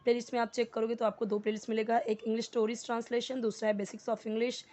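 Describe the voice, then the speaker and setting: Patient Indian woman teaching English slowly. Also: on the high side, level tone, mellow. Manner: patient, explains word by word, reads English lines slowly. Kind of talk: step-by-step language lesson.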